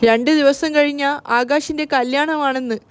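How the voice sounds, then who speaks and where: A woman voicing a grieving middle-aged mother who scolds and pleads through her distress, speaking slowly. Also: high-pitched, steady tone, lightly acted. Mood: anguished. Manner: slow, anguished scolding.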